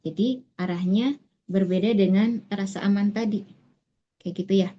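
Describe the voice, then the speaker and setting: A female tutor explains a reading passage patiently in an online class, pausing often with fillers and restarts. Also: medium pitch, steady tone, a little hiss or hum. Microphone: online class recording. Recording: muffled lo-fi online class audio.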